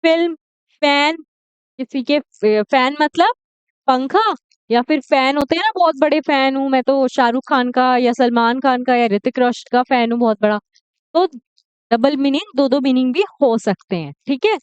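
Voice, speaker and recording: High-voiced woman teaching pronunciation. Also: clean tone, no echo. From India. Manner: repeats words slowly, often checks "okay?" with learners. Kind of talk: online video lecture.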